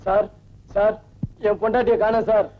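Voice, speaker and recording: A man's voice: high voice, flat delivery, normal speed, over music, lightly acted. An actor playing a frantic, weepy husband begging for help to find his wife, in a 1980s film comedy, on a muffled old film soundtrack. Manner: wailing and pleading.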